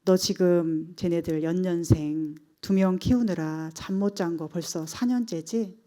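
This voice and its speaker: A woman preacher voicing a gentle older mother who comforts her exhausted grown daughter, speaking softly and at times near a whisper. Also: lowish voice, measured pace, close to an everyday voice. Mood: tender.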